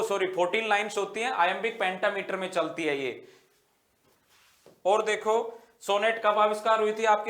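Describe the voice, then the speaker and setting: A male teacher giving an exam-prep literature lesson, dictating English phrases slowly and repeating them, then explaining and quizzing students warmly as "beta". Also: high-pitched. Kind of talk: online exam-prep lecture. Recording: roomy echo.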